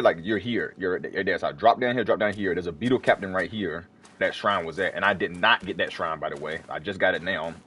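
A man's voice: low voice, sharp tone. A man giving casual let's play commentary, rambling and correcting himself as he chats to the screen. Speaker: gamer playing through a video game.

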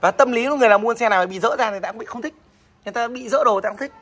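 A man from the north of the country, showing off a motorbike for sale in a casual vlog, with fast salesman patter and short repeated tags. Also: extremely high pitch, a crowd in the background. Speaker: motorbike dealer vlogger.

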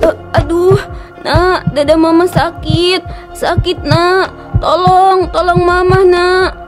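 Sick, gentle cartoon mother with a high voice and weak delivery. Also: flat delivery, slow, soft background music. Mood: pained. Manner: weak and groaning in pain. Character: poor, sick middle-aged mother, meek and gentle. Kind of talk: cartoon voice acting.

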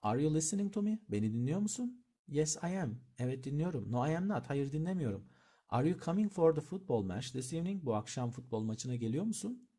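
Male English teacher, reads and translates examples; slightly husky voice with very animated intonation. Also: medium pitch. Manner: reads example sentences aloud, then translates each. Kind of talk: bilingual language lesson.

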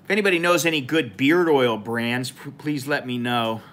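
A man's voice: medium pitch, normal speed, background noise. A man in his forties rambling casually and informally on a live stream, with plenty of fillers, filmed close up by a camera in a small indoor room.

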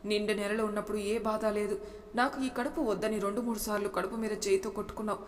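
Stern old mom lecturing her daughter, done by a woman narrator, flat voice, echoey w/ faint hiss. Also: mid-range voice, fast talker, close to an everyday voice. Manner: reproachful, lecturing. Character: stern older mother Janakamma, unforgiving. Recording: reverberant room with faint noise.

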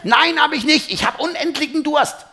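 A man voicing a loud, bossy little girl who shouts in a high voice during a storybook reading. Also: normal speed. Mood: shouting. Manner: shrill, shouting.

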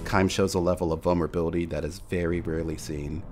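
A man delivering scripted video essay narration in a measured storytelling manner, with music behind him. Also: sits low, level tone.

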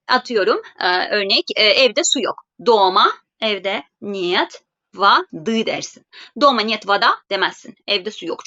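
Woman, language teacher, live online lesson, patient step-by-step explanations, slow careful example phrases, dull lo-fi call audio. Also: on the high side, bright, forceful tone.

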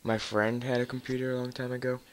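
Talking fast in a level, medium-pitched voice, a man commentates his gameplay live over a gaming headset mic. He's a casual raging gamer, swearing and grumbling in exasperation.

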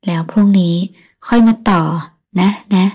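A woman's voice: mid-range voice, normal speed, dark tone, natural voice. A woman voicing a young female model who pleads and whines to stall for time. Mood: pleading. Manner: pleading and whiny.

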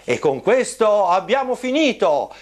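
A man in his fifties telling a story to children in an expressive, emphatic way. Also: high voice, unhurried. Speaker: puppeteer storyteller. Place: small indoor room with puppet stage.

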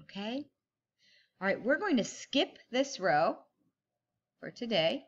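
A woman's voice: on the high side, very animated, takes it slowly, muffled recording. A woman with a kindergarten teacher's manner, giving simple step-by-step instructions to young children and stressing key words.

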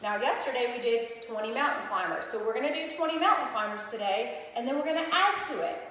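Woman PE teacher, upbeat, counting reps, slightly breathless, higher voice, very echoey gym with long reverb. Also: expressive, fast, fairly bright tone. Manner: upbeat, counts reps aloud while exercising. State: a little out of breath. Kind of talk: exercise instruction video.

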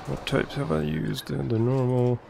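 A man's voice: medium pitch, lively intonation, moderate pace, gravelly, a little hiss or hum. A man giving casual commentary while playing a building game, muttering to himself as he works. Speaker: let's play gamer. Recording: game music behind the voice.

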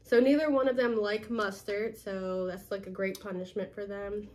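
A woman's voice: mid-range voice, steady tone, normal speed, a little mellow. A young adult woman hosting a casual challenge video, upbeat and chatty, with frequent fillers. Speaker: YouTube host.

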